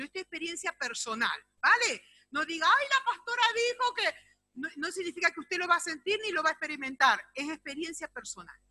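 A woman pastor preaching a sermon, swinging from loud exclamations to hushed, almost whispered passages and speaking straight to her congregation. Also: high voice, no echo, poor audio. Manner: addresses the congregation directly and often.

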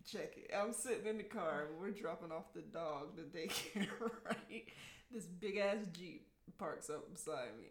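A woman co-hosting a casual chat, joking and swearing in loose slang. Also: mid-range voice. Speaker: podcast co-host. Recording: echoey room.

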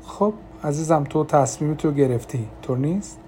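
A man voicing a calm, kind woman friend. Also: fairly high pitch, slight background noise, close to an everyday voice. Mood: reassuring.

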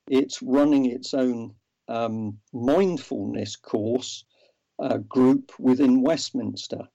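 The guest in this remote interview is a man with a mellow, medium-pitched voice who explains sincerely, stumbling through many ums and restarts. The sound quality is dull and lo-fi.

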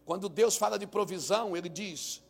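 A male senior pastor preaching a sermon, swinging from calm teaching into shouted, sung cadences. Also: high-pitched, a little fast, creaky, husky, faint music behind.

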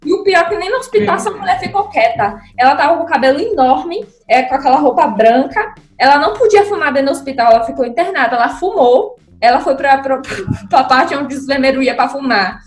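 A woman's voice: brisk, faint music behind. A young woman, telling family stories as a podcast co-host and acting out the quotes. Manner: animated, acts out quotes with big pitch jumps. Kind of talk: casual storytelling chat. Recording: roomy echoey room.

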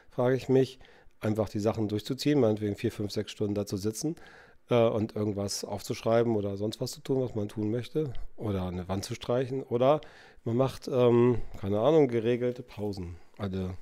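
A man's voice: fairly low pitch, mellow. A man hosting a podcast alone, thinking aloud in a musing way with many hesitations and fillers. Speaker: podcast host. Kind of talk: reflective solo podcast talk.

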